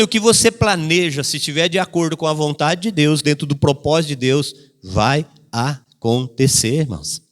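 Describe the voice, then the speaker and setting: A man's voice: high-pitched, fairly bright tone. A man pastor preaching a sermon in a church, repeating key phrases and briefly acting out the voices of the people he quotes. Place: church hall. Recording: long church reverb.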